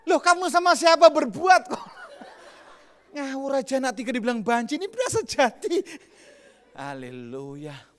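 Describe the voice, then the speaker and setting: A middle-aged man with a Javanese accent preaching a lively, joking sermon, swinging from loud bursts to soft whispers. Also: very high voice, moderate pace, long pauses. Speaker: pastor.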